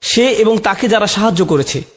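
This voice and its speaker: A man's voice: high-pitched, lively intonation, moderate pace. A man with a Bangladeshi Bengali accent dubbing a religious lecture, explaining word meanings and putting rhetorical questions to his listeners.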